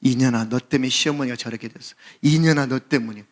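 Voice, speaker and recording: A man acting out a devil who keeps accusing and condemning a young wife, in a lowered voice during a sermon. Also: fast, lightly acted.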